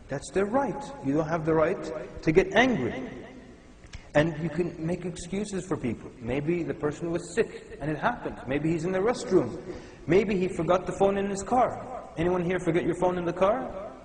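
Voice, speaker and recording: A man's voice: on the high side, animated, moderate pace. A man from Sudan giving a conversational, humorous Islamic lecture to a live audience. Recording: echoey hall with long reverb.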